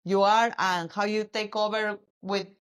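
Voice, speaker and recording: Woman podcast host, from Peru, affirming, mid-pitched voice. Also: flat delivery, measured pace, clear, resonant tone. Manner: warm, affirming interviewer with small restarts. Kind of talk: podcast interview.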